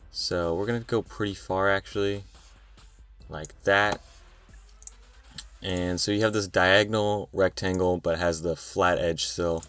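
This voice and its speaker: A young man hosting a screen-recorded design tutorial, talking in a tired, relaxed, rambling way. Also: lowish voice. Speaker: tutorial host.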